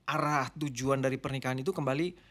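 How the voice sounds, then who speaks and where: A middle-aged man, a pastor and marriage mentor, talking easily as a guest on a podcast, explaining in a relaxed way. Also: medium pitch, fast talker. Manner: relaxed, explanatory, drifts between formal and slangy Indonesian. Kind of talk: casual podcast conversation.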